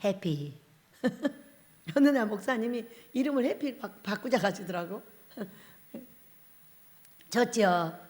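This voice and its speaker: A woman pastor preaching a revival sermon, animated and laughing often as she puts questions to the congregation. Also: on the high side, slow pace, long pauses.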